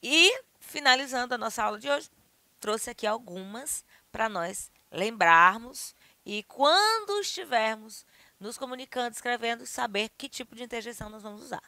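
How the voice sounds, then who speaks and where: Brazilian woman teacher, a bit high and sharp, very expressive delivery, dry close mic. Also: normal speed, dry recording. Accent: Brazilian Portuguese. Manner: highly expressive, acts out exclamations with big shifts in pitch and volume. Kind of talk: video lesson on grammar.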